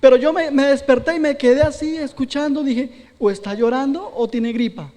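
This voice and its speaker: Man preaching, very high voice, long church echo. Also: normal speed, darkish tone. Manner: personal testimony, quotes himself and his wife aloud. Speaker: pastor. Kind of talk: sermon. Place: church hall.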